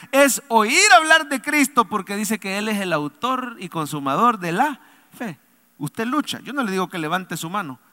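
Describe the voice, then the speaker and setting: A male pastor preaching a sermon, leading the congregation to answer him aloud and swinging between loud emphatic lines and soft low asides. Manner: preaching with call-and-response to the congregation. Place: church sanctuary. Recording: long reverb of a large hall.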